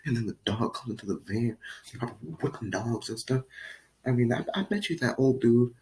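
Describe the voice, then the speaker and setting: A man's voice: mid-range voice, lively intonation, brisk, mellow, a little hiss or hum, poor audio. A man telling a rambling storytime vlog, giggling, drifting off track and calling his viewers "guys". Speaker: vlogger.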